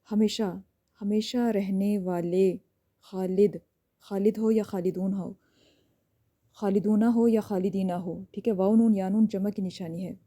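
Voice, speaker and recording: A woman gives a recorded lesson in a very dark, mellow voice. She walks through each point step by step and keeps checking in with a short "okay" before moving on. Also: medium pitch. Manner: explains step by step, often checks with a quick "ठीक है". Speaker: teacher.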